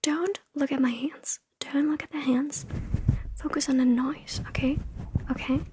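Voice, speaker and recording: A woman whispers ASMR close to the microphone in a breathy, high-set voice. She takes her short phrases slowly and repeats words again and again. There is clear noise and clicking in the recording. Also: steady tone. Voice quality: breathy, mostly unvoiced whisper. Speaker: ASMR creator. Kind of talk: ASMR, whispered instructions in a playful focus test.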